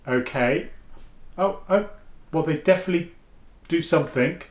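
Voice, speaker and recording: A man with a deep voice records a casual headphone review vlog indoors at home, speaking at a moderate pace. He keeps it chatty, thinking aloud with frequent restarts and fillers, and the sound is roomy.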